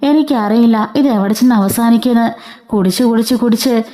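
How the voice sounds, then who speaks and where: A woman's voice: on the high side, a little fast, dark tone, natural voice. A woman voicing a distressed young daughter who pleads for her ailing father. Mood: pleading. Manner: pleading, upset.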